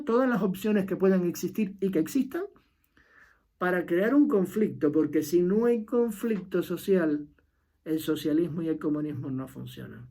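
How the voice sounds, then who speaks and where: A man's voice: high-pitched, warm tone. A middle-aged man with a Cuban accent, delivering an impassioned opinion monologue and repeating his key points. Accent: Cuban Spanish. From Cuba. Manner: emphatic, repeats key phrases, trails off at sentence ends. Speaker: political commentator.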